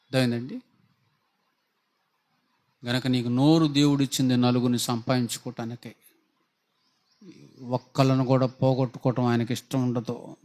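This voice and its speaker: A pastor delivers a sermon in Telugu, pressing his listeners with rhetorical questions and fervent appeals. His voice is mid-range and a little mellow, with little pitch movement, a moderate pace and frequent pauses.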